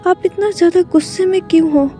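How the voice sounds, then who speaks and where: A woman voicing an anxious old servant woman from a storybook tale, hesitant and hurried. The voice is high and mellow. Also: soft background music.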